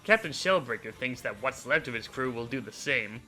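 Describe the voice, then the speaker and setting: A man hosting a video, narrating a character recap in an animated storytelling manner. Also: mid-range voice, moderate pace, faint music behind, poor audio. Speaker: host. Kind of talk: scripted narration.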